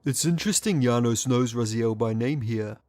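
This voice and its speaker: A man reading scripted documentary-style narration in a measured, literary, composed manner. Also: mid-range voice, a little mellow. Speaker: narrator of a video game character study. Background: music.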